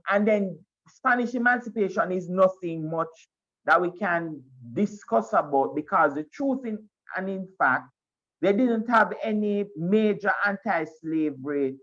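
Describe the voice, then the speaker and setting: A man's voice: sits high, a bit bright. A man teaching a history class over a video call. He lectures, often restarting and repeating phrases as he explains. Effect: video call audio. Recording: dull lo-fi video call sound.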